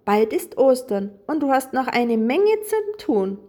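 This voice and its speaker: A woman doing a gentle singing rainbow. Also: high-pitched, sing-song, measured pace, full character voice. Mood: tender. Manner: soft, lilting, kind.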